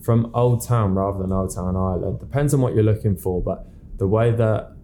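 A man's voice: fairly low pitch, normal speed, warm tone, slight background noise. A man, a real estate agent, explaining things at length and with confidence on a casual podcast.

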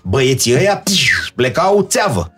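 Husky-voiced man telling stories animatedly. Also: faint music behind. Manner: animated, lively storytelling with sudden jumps in pitch. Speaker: guest storyteller. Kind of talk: casual chat.

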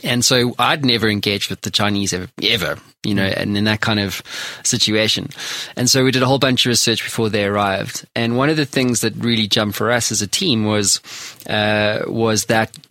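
A man's voice: fairly low pitch, fairly even intonation, normal speed, few pauses, sharp tone, no room sound. A man hosting an interview podcast, chatting casually and telling anecdotes. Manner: anecdotal, storytelling. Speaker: podcast host.

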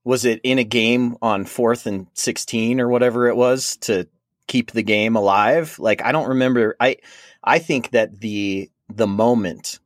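A man's voice: medium pitch, a little slow, no room sound, studio quality. A man from Minnesota hosting a fantasy football podcast, chatting casually and rambling. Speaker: podcast host. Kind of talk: casual sports podcast chat.

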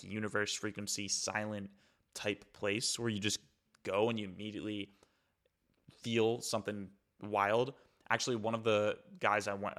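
A man's voice: fairly low pitch, gravelly, fairly bright tone. A young man hosting a podcast, talking through a casual motivational monologue in a loose, reflective way with many fillers and restarts. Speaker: podcast host.

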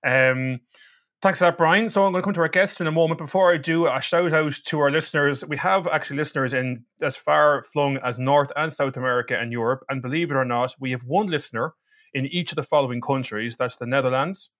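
A man's voice: mid-range voice, a little fast, fairly bright tone. A man with an Irish accent hosting a podcast in a chatty, bantering, conversational way. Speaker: podcast host.

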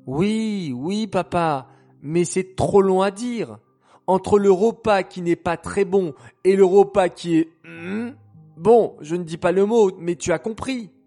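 A cross, sulky little boy whines about his bad day, voiced by a man reading aloud. He grumbles and clips his words in a higher, childlike tone. Soft music plays behind. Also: takes it slowly. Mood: whining. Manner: grumbling, slurred angry words.

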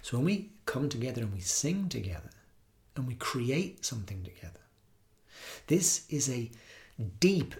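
A man teaching about kirtan, telling stories in an earnest, gentle way with frequent pauses and restarts. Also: mid-range voice, creaky. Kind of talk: reflective storytelling talk.

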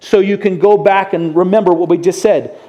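A man's voice: high voice, fairly even intonation, fairly quick, highs cut off. Earnest male radio Bible teacher. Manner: earnest, repetitive emphasis, varies volume for stress.

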